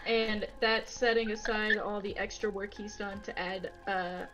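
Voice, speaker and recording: A woman's voice: medium pitch, steady tone, unhurried, fairly bright tone, highs cut off, soft background music. A woman playing in a tabletop game, playful and pleading in casual chat. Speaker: player.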